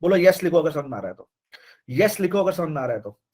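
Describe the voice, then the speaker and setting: High-voiced, animated male teacher. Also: fast. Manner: animated, repeats himself, keeps urging students to reply. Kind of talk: live online class lecture.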